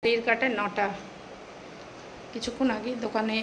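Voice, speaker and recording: A middle-aged woman chatting softly and a little tiredly in a casual home vlog, rambling along with fillers. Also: fairly high pitch, little pitch movement, moderate pace, noisy background. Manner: soft-spoken, rambling, trails off with fillers. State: tired and thirsty from the heat. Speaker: home vlogger. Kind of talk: casual daily-life vlog chat.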